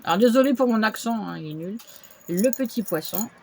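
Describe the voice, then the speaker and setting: A woman's voice: a little high, animated, fairly quick, a little mellow. A woman chatting casually through a shopping haul video at home, with lots of fillers and little interjections. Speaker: vlogger showing a shopping haul.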